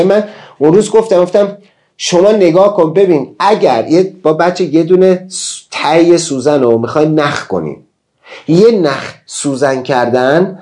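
A man's voice: a little high, darkish tone. A man giving a motivational talk, earnest and emphatic, often asking rhetorical questions. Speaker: motivational speaker.

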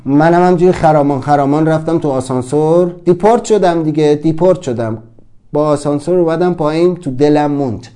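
A man's voice: on the high side, mellow, smooth. A man giving a motivational seminar talk, telling stories animatedly and acting out the voices of the people he quotes. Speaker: motivational speaker.

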